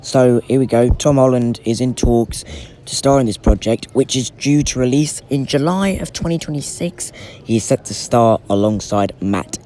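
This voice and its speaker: A man's voice: medium pitch, normal speed, mellow, slight background noise. Man talking with a towel over his head. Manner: chatty, enthusiastic fan talk. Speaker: film news host. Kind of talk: casual news commentary to camera or microphone. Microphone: microphone under a towel over his head, shielding it from wind.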